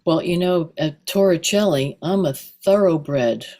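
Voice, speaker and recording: A woman with a low, deep voice who speaks slowly, chatting on a video call. She is friendly and encouraging, chuckling between her remarks. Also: mellow. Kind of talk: casual chat on a video call. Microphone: computer mic on a video call.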